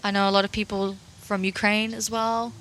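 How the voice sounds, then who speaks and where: A woman's voice: medium pitch, flat delivery, moderate pace, a bit bright, slight background noise. A young woman from Russia co-hosting a podcast, chatting casually and laughing easily. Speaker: podcast co-host. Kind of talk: casual chat.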